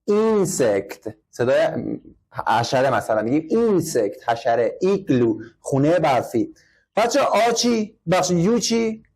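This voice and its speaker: A man with a fairly high voice teaches a classroom English lesson. He explains patiently, repeats each word and keeps putting questions to the class. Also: sing-song, a little mellow, breathy edge.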